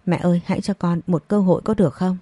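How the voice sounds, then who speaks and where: A woman's voice: on the low side, fairly even intonation, quick pace, mellow, no echo, natural voice. A woman voicing a young daughter-in-law in an audio story, speaking in a begging, desperate way. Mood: pleading.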